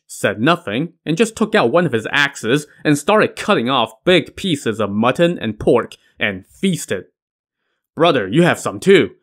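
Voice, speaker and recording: A man's voice: mid-range voice, fairly bright tone. A man narrating a classic tale as a podcast host, in a wry tone with dry asides. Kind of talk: storytelling narration.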